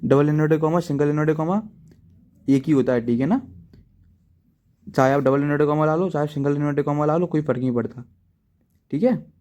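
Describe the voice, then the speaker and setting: A man explains programming step by step in a loose, chatty tutorial manner, stopping often to check in with his listeners. His voice sits slightly high but sounds dark and mellow. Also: a little fast, pauses often, lo-fi sound. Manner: chatty, repeats "ठीक है दोस्तों" often; self-deprecating asides to viewers. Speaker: coding teacher. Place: at home writing in a notebook.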